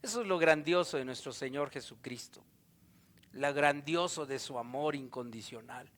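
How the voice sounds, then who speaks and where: A man's voice: mid-range voice, moderate pace. A man preaching a sermon, asking his listeners questions and acting out the voices in the story. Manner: animated, asks the listeners questions, acts out voices in quotes.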